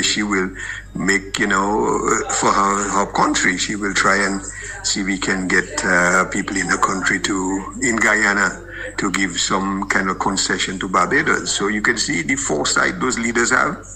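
A man, heard through a recorded voice message played on radio, giving a halting call-in comment. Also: lowish voice, steady tone, vocal fry, low-quality recording. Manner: halting, searching for words. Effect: recorded voice message played on air. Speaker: listener sending in a voice note. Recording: voice note with loud crowd chatter behind.

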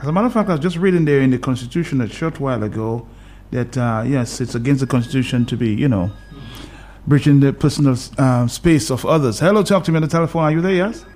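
A man hosting a call-in radio show, brisk and chuckling between calls. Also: mid-range voice, a little mellow. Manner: brisk, chuckling, takes calls with a set phrase.

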